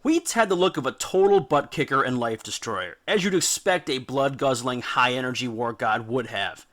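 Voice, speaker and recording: This narrator-host of a mythology series speaks at a normal speed in a medium, slightly bright voice with lively intonation. He delivers scripted educational storytelling in a casual, dramatic style, full of humor, slang, and hard-hitting stresses.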